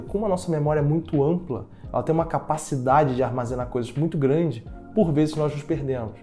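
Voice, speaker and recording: Um jovem brasileiro com sotaque brasileiro, apresentando um vídeo explicativo e falando direto com o espectador, em tom de conversa. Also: male voice, a little high, mellow. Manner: conversational, speaks directly to viewer. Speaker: educational video host. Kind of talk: explanatory video talk.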